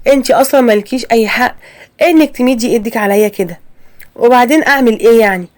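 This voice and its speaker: A woman with an Egyptian accent voicing a hurt young wife who stammers and defends herself in an animated story. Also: a little high, fast talker, close to an everyday voice. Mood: indignant. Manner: stammering, then indignant.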